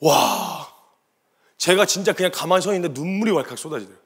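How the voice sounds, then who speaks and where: A man preaching as a missionary, telling a story with lively delivery and sudden shouted quotes. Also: on the high side, quick pace, husky. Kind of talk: sermon testimony.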